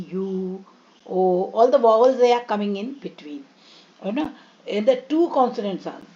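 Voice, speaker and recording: A woman with an Indian English accent teaching phonics to children, sounding out each word slowly and mixing Hindi with English. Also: medium pitch, a little mellow, dull audio. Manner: slow, drawn-out teaching voice, sounding out words one by one; mixes Hindi and English, addresses students as children. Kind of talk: online phonics lesson for children.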